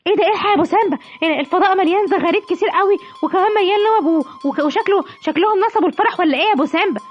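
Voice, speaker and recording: A woman with an Egyptian accent voicing a fussy, fretful mother lioness in a children's story, talking fast and excitably. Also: very high-pitched. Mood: amazed. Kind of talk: home-made children's story acting. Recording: dull lo-fi recording, faint music.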